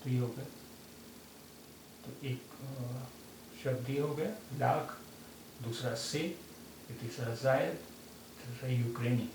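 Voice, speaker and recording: A man from India gives a slow, patient lesson, spelling out letters one by one and pausing often. His voice sits at an ordinary middle pitch. The room is very echoey, with a faint hiss behind him. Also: fairly even intonation. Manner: slow, patient, with many pauses and fillers. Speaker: language teacher. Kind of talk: explaining a script letter by letter.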